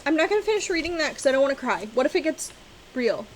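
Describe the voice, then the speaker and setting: A woman vlogging about cross-stitch, chatting casually to camera and gushing with excitement, now and then breaking into loud exclamations. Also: high-pitched, fast talker, a little hiss or hum, low-quality recording. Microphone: on-camera mic, seated at desk with ring light.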